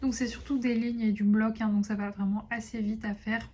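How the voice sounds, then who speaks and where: A young woman chatting casually to her viewers from her desk at home, relaxed and full of hesitations. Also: a little high, brisk, husky. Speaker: vlogger. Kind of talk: casual chat to camera. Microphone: phone camera.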